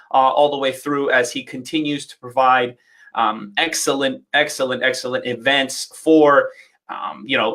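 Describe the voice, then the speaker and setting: Guy hosting a dance livestream, excited, rambles a lot, tons of uhs and restarts. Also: mid-range voice. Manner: rambling, enthusiastic, heavy with fillers and restarts. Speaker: host and dance instructor.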